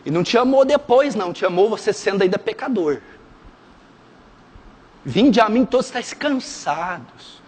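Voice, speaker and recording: A man preaching a sermon as pastor, dropping to hushed tones and rising to shouted fervor. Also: animated, moderate pace, long pauses, husky. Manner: swings from hushed intimate lows to shouted fervent climaxes. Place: church sanctuary. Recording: long hall reverb.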